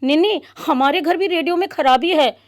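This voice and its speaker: A woman voicing a young boy who loves food and frets about hiding it, in an anxious, hurried manner. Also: extremely high pitch, pitched above the performer's own voice. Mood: falsely cheerful. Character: young boy hero, fond of food, fretful.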